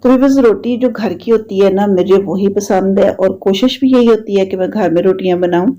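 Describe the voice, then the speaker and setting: A vlogger with a Pakistani Urdu accent narrates her home video diary in a chatty, relaxed way, repeating herself as she tells her story. Her mid-range voice moves at a moderate pace and carries a slightly sore throat. The sound is dull and lo-fi.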